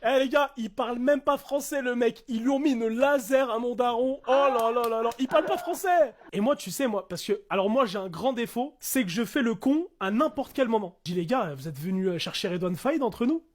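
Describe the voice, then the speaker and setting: A man's voice: extremely high pitch, fairly quick, hardly any pauses. A man telling a comic anecdote in casual slangy speech, animatedly acting out the people in it. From France. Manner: animated, acts out shouting cops and slangy street French. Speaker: storyteller.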